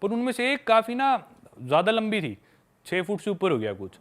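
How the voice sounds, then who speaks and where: A man's voice: high voice, moderate pace. A young man, a podcast guest who makes travel videos, chatting casually and frankly as he tells stories from his trips. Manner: lively, frank, addresses listener as brother. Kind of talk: casual storytelling chat.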